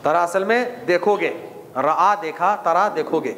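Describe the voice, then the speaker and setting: A man with an Indian accent teaching a Quran commentary class, slowly explaining Arabic words and repeating them. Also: on the high side, fairly bright tone, in a large hall. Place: mosque hall.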